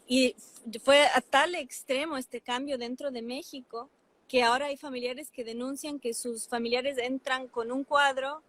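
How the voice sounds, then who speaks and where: Animated, fairly high-voiced woman journalist. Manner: fast-flowing, animated storytelling with asides. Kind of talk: conversational debate.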